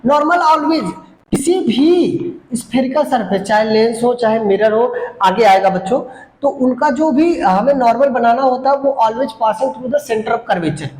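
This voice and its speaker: A woman's voice: on the high side, unhurried, darkish tone. A woman teaching a physics lesson at a board. She repeats key terms, asks questions and answers them herself, and stretches English definitions out word by word. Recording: roomy echo, faint background noise.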